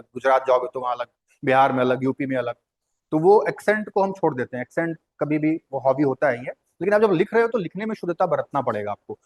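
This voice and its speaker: High-voiced male Hindi teacher. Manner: explanatory, repeats words and spells them out; asks questions of students and answers them himself. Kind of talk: live Hindi lesson on translation.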